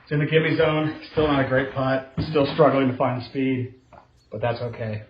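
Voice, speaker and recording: Echoey, low-key man giving golf commentary. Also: moderate pace. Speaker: golfer narrating his own simulator round. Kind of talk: casual self-commentary on golf play, like a golf commentator. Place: indoor home golf simulator room. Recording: roomy echo, slight noise, dull sound.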